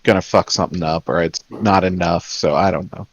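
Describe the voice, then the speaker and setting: Deep-voiced male tabletop player. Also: fairly even intonation, a little fast, no echo, lo-fi sound. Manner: casual, hesitant. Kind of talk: tabletop role-play.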